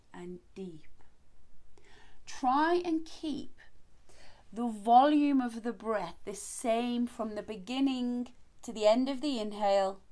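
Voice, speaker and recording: A woman instructing as a yoga teacher, guiding breathing in short, measured, spaced phrases. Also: mid-range voice, dark tone.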